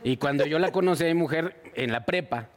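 A man's voice: a little high, brisk. A man with a Mexican accent telling bawdy jokes casually among friends, rambling and full of slang. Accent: Mexican Spanish. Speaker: joke teller.

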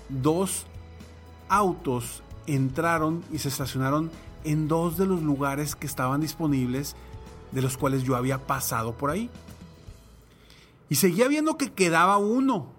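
A man giving a reflective motivational talk, telling a personal anecdote and a parable and asking the listener rhetorical questions. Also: fairly high pitch. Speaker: motivational speaker.

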